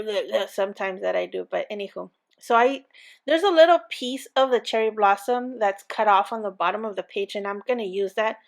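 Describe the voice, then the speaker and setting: A gravelly, mid-range voice belongs to a woman with a non-native English accent who hosts a casual crafting tutorial. She chats and rambles, often restarting and leaning on fillers.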